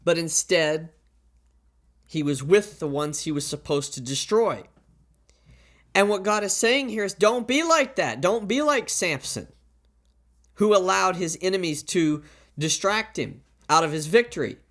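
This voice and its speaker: A man with a high-pitched voice preaches into a pulpit microphone. He talks in a plain, conversational way, tossing in rhetorical questions and repeating his warnings for emphasis. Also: animated, a little slow, fairly bright tone. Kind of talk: sermon.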